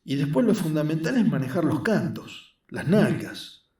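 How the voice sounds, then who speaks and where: A man's voice: very animated, normal speed, dark tone. A man voicing an earnest, skinny young man, explaining his craft patiently. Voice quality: squeaky. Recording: roomy echo, mic at a distance.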